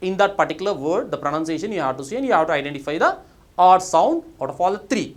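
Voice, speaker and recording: A man's voice: on the high side, big pitch swings, slow. A man with a Telugu accent teaching English pronunciation in a recorded video lesson. He moves between Telugu and English, asks the class questions and then answers them himself.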